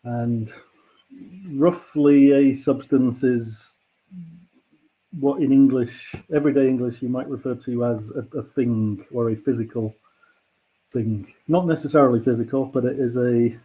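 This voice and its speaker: A man's voice: medium pitch, steady tone, measured pace, warm tone, breathy edge, highs cut off. A man giving a university lecture, explaining ideas patiently and step by step with examples. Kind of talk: classroom lecture.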